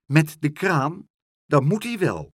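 An eager little boy from a storybook , as a man reads him aloud, pitched well above the reader's own low voice. He asks quick, keen questions in a slightly husky tone that is recorded dry and close. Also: sing-song, no echo, heavily acted. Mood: urging.

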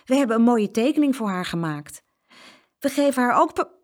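A woman voicing an excitable little girl in a children's storybook, bright and eager. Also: on the high side, brisk, pitched above the performer's own voice, close to an everyday voice.

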